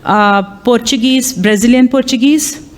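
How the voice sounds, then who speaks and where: Her voice on the high side and her pace measured, a Tamil-first-language woman who lectures on AI and chairs a workshop addresses a conference hall live. She hesitates often, filling gaps with ums and uhs and restarting her sentences.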